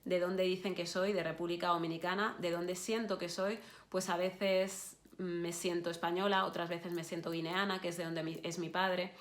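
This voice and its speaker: A woman's voice: fairly low pitch, little pitch movement, normal speed, hardly any pauses. A woman giving an online course talk, encouraging her listeners directly, with frequent restarts and fillers. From Spain.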